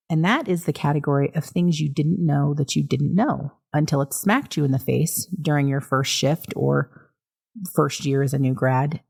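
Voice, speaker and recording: Deep-voiced woman with lots of vocal fry, chatty podcast storyteller, kinda amused, lots of um and you know. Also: darkish tone. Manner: chatty, amused anecdotal storytelling with many fillers. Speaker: podcast host, nurse educator. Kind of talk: casual storytelling.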